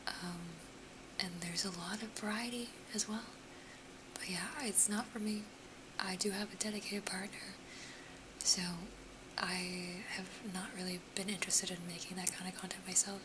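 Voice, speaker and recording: Speaking in a soft whisper the whole time, this young ASMR streamer with an American accent chats with her live stream viewers and laughs a lot. She sits close to the mic, sounds slightly sniffly, and uses a mid-range voice with fairly even intonation, a moderate pace and long pauses. Background noise can be heard.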